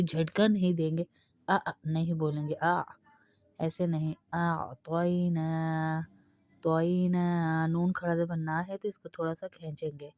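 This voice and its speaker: A woman teaching Quran recitation, switching between brisk explanations and slow, drawn-out demonstration of each word. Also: low voice, dark tone, no room sound.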